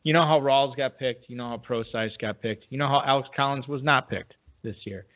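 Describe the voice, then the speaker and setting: A man co-hosting a podcast, chatting casually and reading listener emails aloud with a relaxed, bantering manner. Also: medium pitch, brisk. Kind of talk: casual chat. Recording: phone-like narrow sound.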